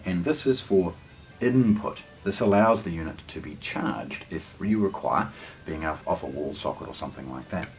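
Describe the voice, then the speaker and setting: A man presents a product in a casual, hands-on unboxing, explaining it in a lowish voice with a darkish tone. His intonation rises and falls a great deal, and he pauses hesitantly between phrases. Faint noise sits behind him.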